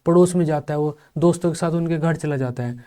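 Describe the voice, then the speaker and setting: Young male teacher-trainer, slightly high-pitched, patient step-by-step lecture with drawn-out syllables. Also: mellow, clean tone. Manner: explains step by step, repeating and sounding out syllables slowly. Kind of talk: online exam-prep lecture.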